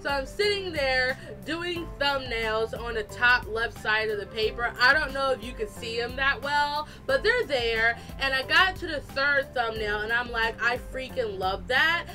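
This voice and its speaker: Bright, high-voiced chatty woman vlogger. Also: unhurried, hardly any pauses. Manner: chatty, animated, self-deprecating. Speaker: artist and video host. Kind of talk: casual speed-drawing voice-over. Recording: fan blowing nearby, slightly distorted, music behind. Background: music and a fan running.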